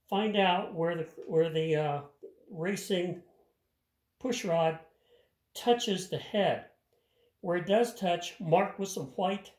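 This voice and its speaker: Here an older man's high voice carries a darkish tone as he explains rebuilding an engine in his home garage. His talk is a practical, plainspoken how-to, with words repeated while his hands stay busy. The room sounds echoey.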